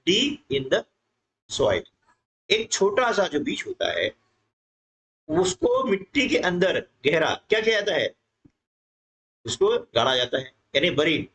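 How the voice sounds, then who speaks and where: A man teaching an English textbook lesson to students, reading English lines slowly and then explaining them quickly, with frequent tag questions. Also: sits high, huge pitch swings, fairly bright tone, rough recording.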